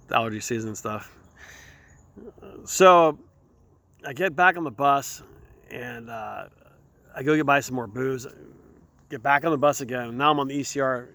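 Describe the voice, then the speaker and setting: A man hosting his own show, telling a candid personal story in a rambling, halting way, often repeating words. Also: mid-range voice, gravelly, fairly bright tone. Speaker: show host.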